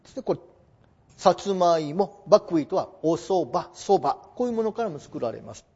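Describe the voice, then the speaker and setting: A man teaching a lesson, explaining example sentences in a lively, coaxing way. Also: on the high side, fairly quick, breathy edge, dull audio. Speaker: English teacher. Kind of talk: lecture with read-aloud example sentences.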